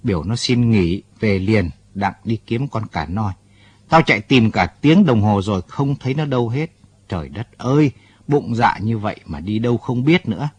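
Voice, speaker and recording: A man's voice: fairly low pitch, lively intonation, normal speed, husky, no echo. A man voicing an older rural man who is blunt but kind-hearted. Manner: scolding yet fatherly, talks bluntly.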